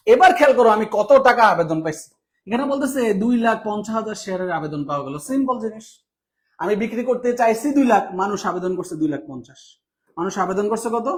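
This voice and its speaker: A man from Bangladesh, teaching an accounting lesson quickly and quizzing students questions he answers himself. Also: high-pitched. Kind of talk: fast exam-prep lecture.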